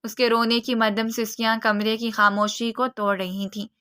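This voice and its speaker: A woman narrating a romance novel in a measured, emotive storybook style. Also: a little high, little pitch movement, pushed and bright, smooth.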